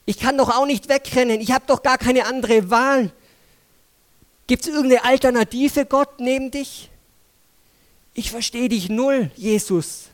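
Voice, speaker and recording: A man preaching a sermon, swinging between urgent, loud phrases and hushed, intimate ones. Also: extremely high pitch, a little slow, long pauses.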